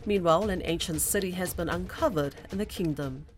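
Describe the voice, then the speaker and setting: A woman's voice: lowish voice, fairly quick, over loud music. A woman presenting scripted radio news in a studio.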